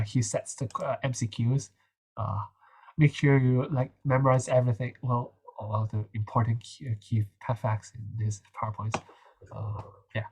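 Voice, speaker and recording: A young man with a nasal, slightly husky voice talks through quiz answers. His delivery is casual and hesitant, full of little fillers and restarts. He sounds like a student tutor running a relaxed revision session. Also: medium pitch. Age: young adult. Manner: chatty, hesitant, many fillers.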